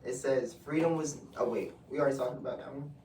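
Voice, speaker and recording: A man's voice: mid-range voice, quick pace. A man leading a casual student book discussion, reading out quotes and asking questions. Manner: reads out quotes, then asks questions. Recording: echoey room, far from the mic, noisy.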